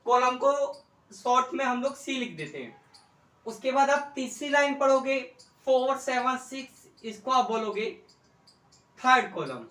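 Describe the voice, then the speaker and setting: A man's voice: very high voice, fairly bright tone. A man gives a methodical, step-by-step maths lecture as a tutor, going over each point more than once. His voice sits a little away from the microphone. The room around him is roomy and echoing. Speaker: economics tutor. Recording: roomy, mic set at a distance.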